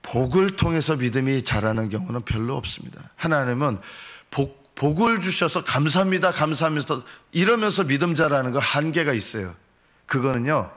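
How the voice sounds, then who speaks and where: Korean pastor preaching at dawn prayer. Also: male voice, a little high, a bit bright. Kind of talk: sermon. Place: church sanctuary.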